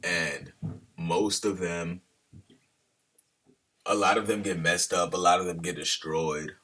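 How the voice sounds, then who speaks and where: Slangy low-voiced man rambling off-mic. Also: steady tone, slow pace, bright, forceful tone, distant mic. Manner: slangy, loose, wanders off on tangents. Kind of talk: casual rambling monologue. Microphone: camera held at a distance.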